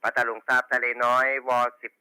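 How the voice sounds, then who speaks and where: A man's voice: fairly quick, pushed and bright, no room sound, poor audio. A man working as a police radio dispatcher, reading back station reports and call signs in formulaic procedure over a walkie talkie. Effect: two-way radio.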